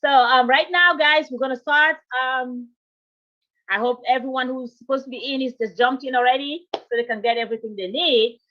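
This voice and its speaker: A woman's voice: high voice, normal speed. Bubbly woman hosting a webinar. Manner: energetic, greets viewers by name, laughs often. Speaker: webinar host. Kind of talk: upbeat live webinar hosting. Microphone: video call. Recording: muffled lo-fi video call audio.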